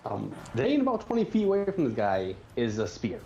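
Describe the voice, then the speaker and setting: A man's voice: medium pitch, wildly swooping pitch, brisk, creaky, dark tone, dull audio, a little hiss or hum. A man narrating as game master, describing scenes with frequent ums and restarts.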